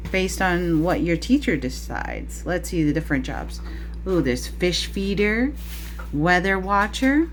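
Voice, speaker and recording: A preschool teacher with a mid-range voice reads a picture book aloud to young children, talking to them directly with questions and asides. There is a little hiss or hum in the audio.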